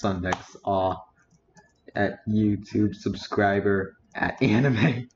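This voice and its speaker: Speaking slowly in a lowish voice, a teenage streamer mumbles casual commentary to himself as he scrolls through and reads out titles. The recording is muffled and lo-fi with a faint noise underneath.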